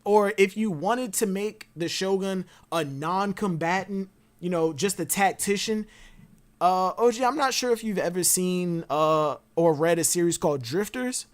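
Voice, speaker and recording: Guest on a casual fan stream, excitable and digressive, middle-pitched voice, talks in bursts. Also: unhurried. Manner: rambling and animated, full of digressions. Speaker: podcast guest. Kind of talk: casual anime theory chat.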